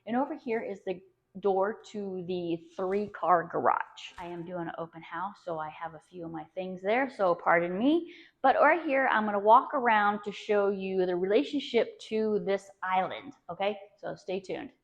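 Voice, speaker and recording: A woman with a mid-range voice works as a real estate agent, talking on the move through a house. She gushes in a chatty, casual sales manner, as in a walk-through video. The recording is slightly muffled and low in fidelity. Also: moderate pace. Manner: gushing, chatty sales talk. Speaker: real estate agent giving a home tour. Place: indoors, walking through a house. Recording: dull, lo-fi sound.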